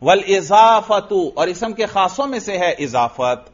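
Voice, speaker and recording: Man, high voice, grammar lecture, asks and answers his own questions, dull lo-fi recording. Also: animated. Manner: asks students questions and answers them himself; reads Arabic text then explains it. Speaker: Islamic scholar teaching Arabic grammar. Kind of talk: classroom lecture.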